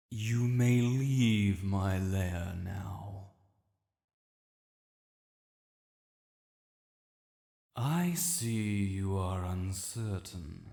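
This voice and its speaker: Here a British man gives voice to a proud, ancient dragon lord in a fantasy audio roleplay, imperious and quick to righteous anger. The delivery is low, gravelly, and a little mellow, cold and disdainful in mood, formal, commanding, and haughty, with deliberate archaic phrasing. The recording has cavernous reverb and a long echo.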